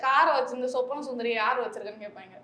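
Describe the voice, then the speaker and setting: A woman interviewing a guest, speaking in a calm, teasing, mock-soothing way. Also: a little high, racing. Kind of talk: interview questioning. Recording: roomy echoey room.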